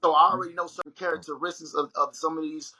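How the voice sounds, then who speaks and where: Young guy on a livestream, bright husky voice, kinda high, telling a story to his viewers all worked up. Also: quick pace, low-quality recording. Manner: animated storytelling, addresses viewers as y'all. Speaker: livestream host. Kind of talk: casual chat.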